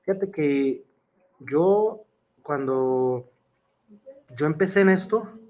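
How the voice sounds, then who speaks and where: A man's voice: a little high, lively intonation, very slow, a little mellow. A man with a Mexican accent, a professional wrestler answering interview questions in an earnest, rambling way full of fillers and restarts.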